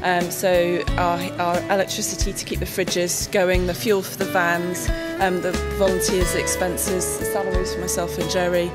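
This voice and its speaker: A woman's voice: fairly low pitch, little pitch movement, moderate pace, few pauses, loud music behind the voice. A woman explaining her charity work informally in an interview. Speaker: charity worker being interviewed.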